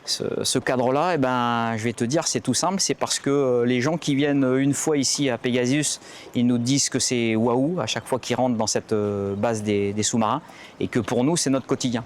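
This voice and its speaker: A man's voice: medium pitch, fairly even intonation, moderate pace, a little hiss or hum. A man in his forties from central France, a former navy commando instructor, telling his story in a portrait interview with many fillers and restarts. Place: outdoors at a harbor site.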